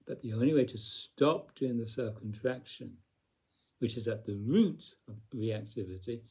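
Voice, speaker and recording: Slow, mellow-voiced man giving a spiritual talk. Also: mid-range voice, breathy edge. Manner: slow, deliberate, with long pauses and repetitions. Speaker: spiritual teacher. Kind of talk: reflective spiritual talk to camera.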